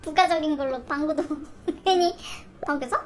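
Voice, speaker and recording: A woman's voice: high-pitched, animated, brisk, heavy background noise. A young woman chatting casually and teasingly with her partner, laughing often. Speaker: vlogger in a couple. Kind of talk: casual chat.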